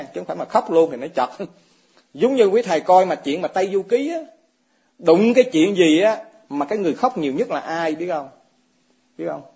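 Monk giving a dharma talk, husky voice, keeps asking the room stuff and chuckling, muffled lo-fi sound. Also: male voice, sits high, a little mellow. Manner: chuckles often, asks listeners direct questions. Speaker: Buddhist monk teaching fellow monks. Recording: dull lo-fi recording.

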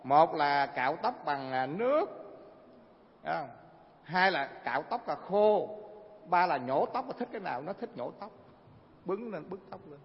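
A man giving an animated sermon with stories to a live audience, often asking rhetorical questions. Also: on the high side, unhurried, long pauses. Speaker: Buddhist preacher. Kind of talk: sermon with storytelling. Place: hall before a live audience. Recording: reverberant hall, dull lo-fi sound.

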